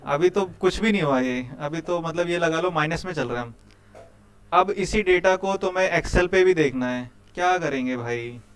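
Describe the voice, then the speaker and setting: A man's voice: a little high, normal speed, clear, resonant tone. A young man teaching a live coding class, chatty and teasing, quizzing his students as he goes. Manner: chatty, quizzes students, keeps saying "bhai".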